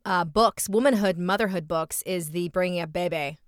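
A woman's voice: fairly low pitch, moderate pace, dry recording, studio quality. A woman hosting a casual podcast conversation, chatty and skipping around as she shares a reading. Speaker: podcast host.

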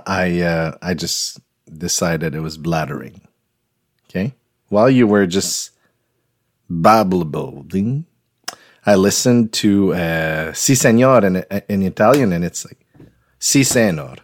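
A man's voice: low voice, slow, pauses often, no echo. A man co-hosting a board game podcast in casual chat, dry and teasing. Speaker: podcast co-host.

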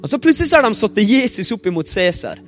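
Man, high voice, vivid sermon storyteller; reverberant hall, soft music bed. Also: very animated. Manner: vivid storyteller, acts out quotes. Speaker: preacher. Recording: long reverb, faint music.

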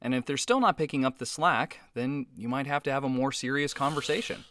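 A man's voice: mid-range voice, brisk, sharp tone, a little hiss or hum. A man hosting a comedic advice show, talking earnestly and sometimes sounding exasperated. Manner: earnest, exasperated, eager to please.

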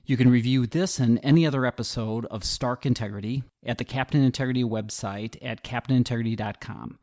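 A man's voice: mid-range voice, a little fast, a little mellow. A man hosting a solo podcast, explaining healthcare law in a methodical, explanatory way with occasional restarts. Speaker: podcast host, healthcare attorney.

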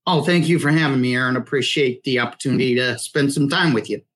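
A middle-aged man from Western Nebraska, a podcast guest, telling his career story in a relaxed, hesitant way. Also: medium pitch, fast. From Western Nebraska, USA. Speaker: podcast guest, finance consultant. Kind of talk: conversational interview.

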